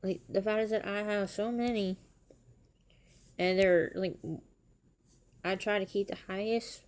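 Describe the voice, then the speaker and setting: A woman's voice: medium pitch, steady tone, measured pace, darkish tone. A woman chatting casually as she plays a mobile game on her stream, talking in a chatty way and breaking into surprised exclamations.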